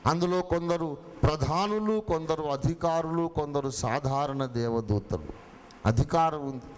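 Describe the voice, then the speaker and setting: A man's voice: a little high, measured pace. Man preaching a sermon. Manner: dramatic storytelling, acting out dialogue. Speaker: pastor. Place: church or conference hall.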